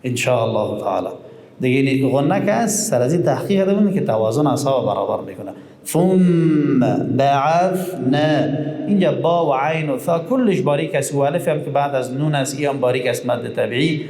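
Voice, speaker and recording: A man teaching Quran recitation, explaining rules and chanting verses slowly. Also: mid-range voice, lively intonation, a little mellow. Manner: explains slowly, then chants verses in long drawn-out tones. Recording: echoey room with long reverb.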